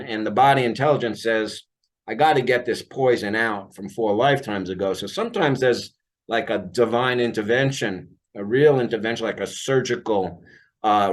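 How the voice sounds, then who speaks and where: A man working as an aura healer, telling about a client session in an unscripted monologue, halting with many fillers and restarts. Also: mid-range voice.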